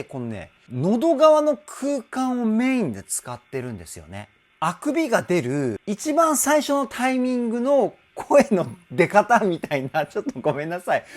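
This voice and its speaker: A male vocal trainer giving an enthusiastic, explanatory song analysis and now and then singing short phrases to demonstrate. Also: sits high.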